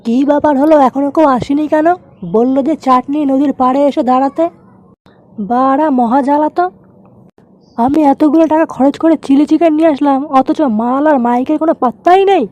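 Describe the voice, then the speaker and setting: A man with a West Bengal accent voicing a hot-tempered, foul-mouthed picnic ringleader in a comic cartoon, scolding and blustering through a pitched-up effect. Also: fairly even intonation, a little fast, darkish tone, dry recording, dull audio. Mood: impatient.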